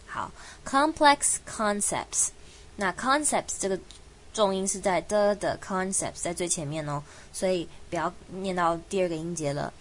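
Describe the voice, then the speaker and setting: A young woman hosting an English pronunciation lesson, explaining each sound slowly and repeating words to demonstrate them. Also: fairly low pitch, slight background noise, poor audio. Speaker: English pronunciation teacher and host. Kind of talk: language lesson.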